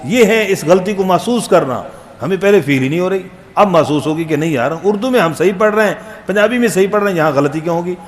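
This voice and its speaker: A man teaching a Quran recitation lesson, quizzing the students and calling out letter sounds loud and long. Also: high voice, animated. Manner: drills letters aloud, loud and drawn out; asks students questions, jokes. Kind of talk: classroom tajweed lesson.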